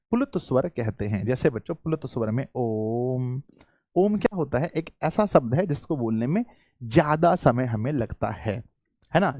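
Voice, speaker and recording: A man teaching a live online class to students, repeating each question and often clearing his throat. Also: medium pitch, a little mellow, no echo, studio quality.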